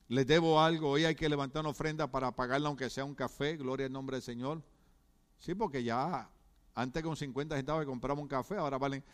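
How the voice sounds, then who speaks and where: Male pastor, middle-aged, fairly high voice, lively sermon delivery, questions to the congregation. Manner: animated preaching, asks the congregation questions. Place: church.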